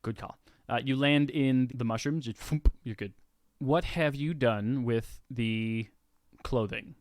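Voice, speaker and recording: A man's voice: medium pitch, slow pace. An easygoing man narrating a tabletop game as game master, often restarting his phrases. His voice sits in a middle register. The recording is dry, with no room echo.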